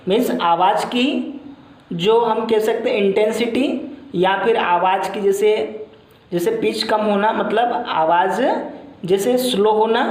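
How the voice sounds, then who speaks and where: A male teacher giving a classroom lecture. He explains in repetitive, circling phrases with many fillers, and reads English lines out slowly before explaining them. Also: sits high, darkish tone. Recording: very echoey room.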